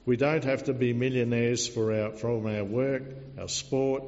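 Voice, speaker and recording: A man, a pastor, preaching an earnest sermon and telling a story to illustrate it, in a measured way. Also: mid-range voice, steady tone, a little mellow. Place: church. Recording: dull recording, long church reverb.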